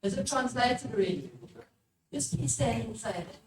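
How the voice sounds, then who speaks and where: Expressive and moderately paced, a high-voiced woman teaches a live workshop audience as a religious formator, exhorting them and asking questions. Her voice is recorded from a distance in an echoing room with some background noise.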